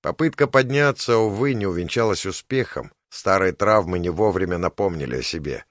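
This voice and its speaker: A man reading an audiobook in scripted narration, measured and even. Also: deep voice, dry recording, clean studio sound.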